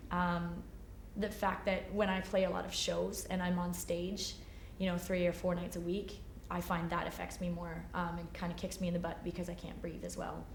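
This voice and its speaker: Low-voiced woman in her twenties, roomy echo. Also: monotone, moderate pace, creaky, few pauses, a little hiss or hum. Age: 20s. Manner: thoughtful, hesitant fillers. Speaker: interviewee. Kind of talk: candid interview answers.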